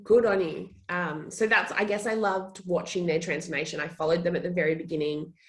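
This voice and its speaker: A woman's voice: on the low side, steady tone, fairly quick. A young woman from Australia, a social media manager, chatting in a casual interview and laughing often.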